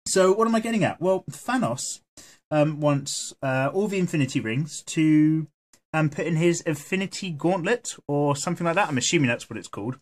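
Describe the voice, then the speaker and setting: A man's voice: on the high side, expressive, normal speed. Rambly man losing his voice. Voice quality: rambling, swears freely. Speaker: art vlogger. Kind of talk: casual chat while drawing.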